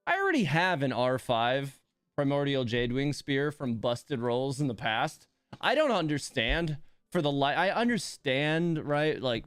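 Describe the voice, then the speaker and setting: A male gaming channel host grumbles his way through a gacha game livestream from his home computer, chatting casually and sounding exasperated and self-deprecating. His mid-range voice is clear and resonant, recorded in studio quality with no room sound.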